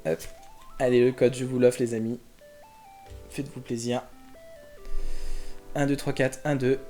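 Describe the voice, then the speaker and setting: A man's voice: mid-range voice, level tone, unhurried, warm tone, soft background music. A man hosting his own collector channel, chatting casually to viewers as he opens trading card packs, with many fillers and a friendly direct address. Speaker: YouTube collector channel host.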